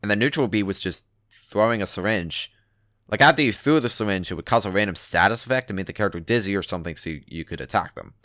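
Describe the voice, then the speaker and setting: Male narrator for an internet horror read, lowish forceful voice, conversational and emphatic, dry sound. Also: expressive, fast talker, no echo. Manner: casual, sweary, emphatic. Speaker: narrator reading a written forum post aloud. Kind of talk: dramatic reading of an internet horror story, conversational first-person narration.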